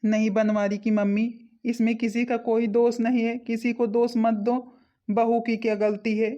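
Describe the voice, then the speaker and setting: A woman voicing a calm, fair-minded older father-in-law in a cartoon, speaking reassuringly. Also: a little high, moderate pace, dull audio, lightly acted. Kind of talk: cartoon voice acting.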